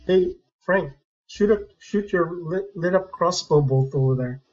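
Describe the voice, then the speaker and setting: A man with a fairly high voice, talking casually as a tabletop game player. His audio is a little dull and lo-fi. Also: measured pace, a little mellow. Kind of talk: casual chat.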